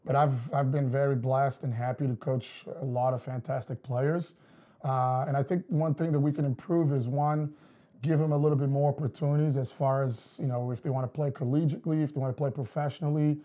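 A man, a soccer coach explaining his methods in an interview, measured with many fillers. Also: medium pitch, steady tone, dark tone, muffled recording. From Portugal. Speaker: girls' soccer coach, guest. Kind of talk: casual interview talk. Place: studio set with wood backdrop.

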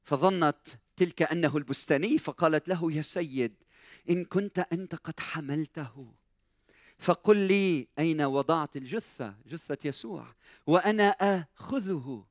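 A man with a Lebanese Arabic accent preaching a sermon in a church, swinging from hushed soft lines to loud emphatic cries. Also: a little high, moderate pace, no room sound, studio quality. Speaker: pastor.

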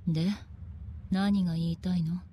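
A blunt, cool young anime heroine. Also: female voice, on the low side, steady tone, measured pace, dark tone, breathy edge. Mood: irritated, flat. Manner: blunt, unimpressed. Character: brusque, cool young woman leader. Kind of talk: anime game voice acting.

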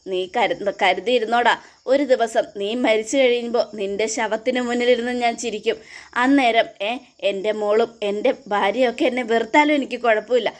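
Scornful menacing father, as a woman plays him, unhinged, high-pitched, serial recap. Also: brisk, close to an everyday voice. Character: bitter, unhinged middle-aged father.

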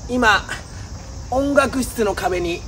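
A man, a comedian firing off quick punning one-liner gags. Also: very high voice, pushed and bright. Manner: punchy, pun-driven delivery. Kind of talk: rapid one-liner gag medley. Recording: distant mic, noisy outdoor ambience.

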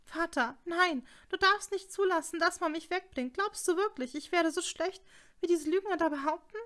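A woman's voice: very high voice, normal speed, fairly bright tone, voice pushed up. Marie, a woman voicing a frantic pleading young woman. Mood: desperate. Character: young woman, desperate, pleading with her father. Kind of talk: audiobook reading.

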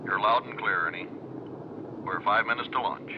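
Calm, professional B-52 crewman who speaks in a lowish voice with clipped, matter-of-fact radio callouts. His voice comes over a helmet radio on a muffled old film soundtrack, with a steady aircraft engine roar behind it. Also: moderate pace, noisy background. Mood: calm, businesslike. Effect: over a pilot's helmet radio. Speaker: bomber crew radio operator. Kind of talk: 1960s film acting, terse radio procedure.

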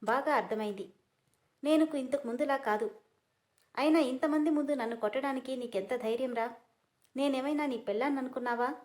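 A woman's voice: high voice, fairly quick, long pauses, a little mellow, close to an everyday voice. A woman reading a story aloud, voicing a proud, hurt young woman who answers back defiantly and through tears. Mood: tearful defiance. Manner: defiant, tearful.

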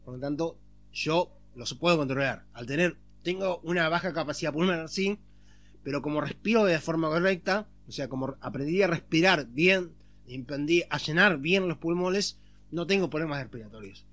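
A man's voice: a little high, normal speed, fairly bright tone. A man talking casually to camera as a vlogger, explaining step by step, checking in often with a questioning tag, and restarting phrases as he thinks aloud.

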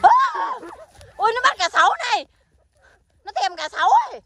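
Excitable woman vlogger, very high voice, lively swooping pitch, squealing and hurrying everyone. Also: fast, heavy background noise. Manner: excitable, squealing and urging others on. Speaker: vlogger in a comedy team. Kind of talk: excited group banter.

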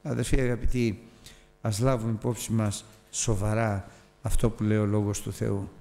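A man preaching a Bible study sermon, emphatic and repetitive, now and then dropping to near-quiet asides. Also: fairly low pitch, flat delivery, vocal fry, long reverb tail. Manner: emphatic, repeating key phrases with sudden drops to near-quiet asides.

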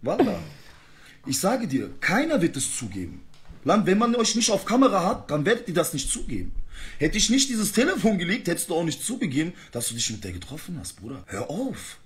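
A man's voice: sits high, very animated, fairly quick. A man ranting heatedly in a live-stream argument, full of street slang.

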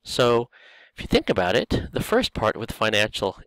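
A man, a course instructor, talking through a recorded lecture video in a relaxed way with many filler words. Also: on the low side, normal speed, no room sound, low-quality recording.

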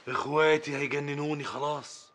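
A man's voice: on the high side, level tone, brisk, noisy background, close to an everyday voice. An actor playing an anxious, pious eldest brother who mutters prayers and teases his wife, in Egyptian Arabic. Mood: fretful teasing. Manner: muttering prayers, then joking warmly. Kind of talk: film acting.

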